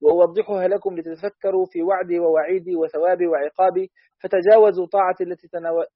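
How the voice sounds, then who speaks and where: High, fast-reading man. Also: no room sound. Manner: quick, steady recitation. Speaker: student reader. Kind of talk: reading a classical text aloud. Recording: dry, dull lo-fi audio.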